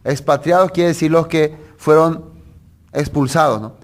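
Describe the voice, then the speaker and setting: Male preacher with a fairly high voice, teaching the Bible in a chatty sermon and tossing in rhetorical questions. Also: steady tone, measured pace. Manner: conversational, asks rhetorical questions, corrects himself mid-sentence.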